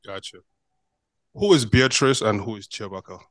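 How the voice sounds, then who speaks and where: Male podcast host, immigrant, low voice, loose filler-heavy chat, dry sound. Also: expressive, normal speed, a bit bright, dry recording. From immigrant to the United States. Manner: rambling, many fillers like "you know what I mean". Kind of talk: casual interview chat.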